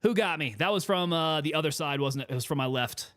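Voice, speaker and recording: A man's voice: fairly high pitch, fast talker, fairly bright tone. A man giving casual gameplay commentary, thinking aloud and chatting with teammates as he plays. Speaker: gaming streamer.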